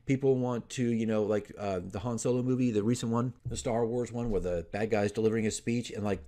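A man in his forties, a dungeon master hosting his own channel, gives tips in a casual opinion vlog, talking to camera emphatically and conversationally. His voice is fairly low and dark-toned, with fairly even intonation and a slightly fast pace. He sits in a small furnished room at home with a desk microphone in front of him.

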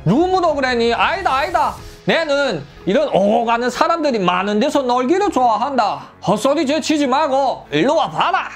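A man's voice: very high-pitched, sing-song, moderate pace, few pauses, soft background music, exaggerated voice. A man voicing a karaoke owner in his late fifties who grovels to gangsters and blusters at everyone else. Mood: blustering. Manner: groveling, then swaggering and bossy.

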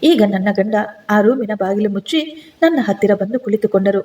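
A woman tells a dramatic first-person family story in a steady, earnest way. Her voice is mellow and dark-toned, sitting at an ordinary pitch for a woman. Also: normal speed.

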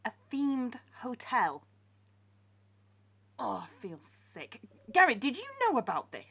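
Woman playing a sharp-tongued, fed-up wife. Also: a little high, wildly swooping pitch, takes it slowly, breathy edge, exaggerated voice. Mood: exasperated. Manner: exasperated and scolding.

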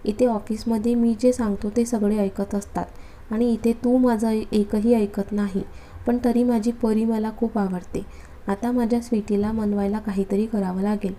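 A woman's voice: mid-range voice, flat delivery, moderate pace, dark tone, lightly acted, poor audio. A woman voicing a hot-tempered, bossy but loving young husband in a spoken story, scolding and then coaxing. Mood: fond.

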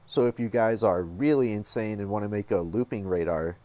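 A man with a somewhat low voice hosts a software tutorial, walking viewers through it. He speaks a little fast in a casual, informal way, thinking aloud as he works.

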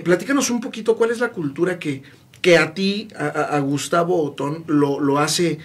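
Slightly high, creaky and husky, this young man's voice carries a Mexican accent as he hosts a studio talk show. In a small, bright TV studio, he gushes warmly over his guest, repeating "mi queridísimo."

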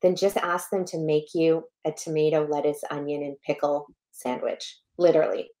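A woman's voice: deep voice, steady tone, normal speed, mellow. Emphatic middle-aged woman on a video call. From born in Malawi, raised in Canada. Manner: emphatic, passionate, gestures while talking. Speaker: guest, health educator. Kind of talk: podcast interview. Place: home room with plants. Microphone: headset over a video call.

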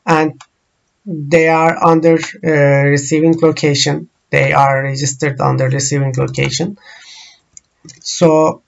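A man whose first language is Turkish, walking through software screens in a slow, halting tutorial full of pauses and fillers. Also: on the high side, vocal fry. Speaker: software trainer.

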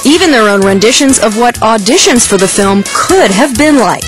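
A woman's voice: fairly high pitch, expressive, moderate pace, loud music behind the voice. A young woman reporting a scripted entertainment news segment from a TV studio, in a playful newsreader manner. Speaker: news correspondent. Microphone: lapel mic.

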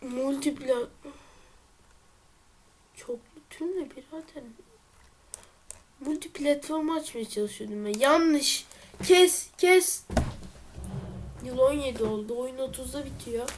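High-voiced woman grumbling through a game. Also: slow, pauses often, a little hiss or hum. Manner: frustrated, exclaiming and muttering at the game. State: stuffy nose. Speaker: let's player. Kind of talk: let's play commentary.

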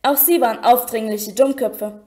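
A woman's voice: on the high side, normal speed, warm tone, lightly acted. A woman voicing a cold, haughty aristocratic wizard who hisses his words with contempt. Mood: cold, contemptuous. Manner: hissing, contemptuous.

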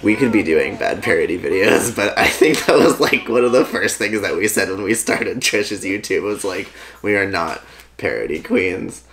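A man's voice: on the low side, moderate pace, hardly any pauses. A young man talking as a sassy drag queen, giving casual, blunt and opinionated reaction commentary. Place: living room at a table with a couch. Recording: loud music playing behind the voice. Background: music from the videos being watched.

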